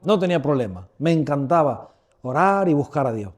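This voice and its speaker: A man's voice: on the high side, very animated, normal speed. A man in his fifties from Andalusia, preaching an informal sermon into a microphone to a live audience, chatty and humorous, often asking the audience questions. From Andalusia, Spain. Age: 50s. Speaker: preacher leading a church workshop. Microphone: handheld or stand microphone.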